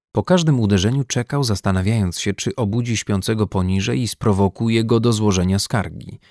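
A man narrating an audiobook in a measured, steady reading. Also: lowish voice, vocal fry, dry recording, studio quality. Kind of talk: scripted narration.

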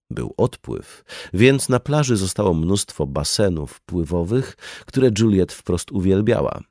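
A man reading a novel aloud as narrator, in an even, measured storytelling manner. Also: low-pitched, no echo, studio quality. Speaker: audiobook narrator. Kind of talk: scripted narration.

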